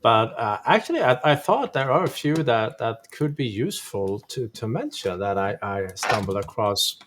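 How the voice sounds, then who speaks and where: A man's voice: mid-range voice, lively intonation, moderate pace, fairly bright tone. A man giving a casual, informal technical explanation on a live stream. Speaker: tech presenter on a live stream. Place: live stream during a thunderstorm. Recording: clearly noisy live-stream connection.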